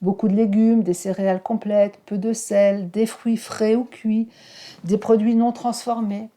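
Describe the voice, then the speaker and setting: Brief: woman, host of a wellness channel, gentle measured explainer, mellow warm tone. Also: mid-range voice, little pitch movement. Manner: gentle, measured, with occasional fillers and restarts. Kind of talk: calm health explainer to camera.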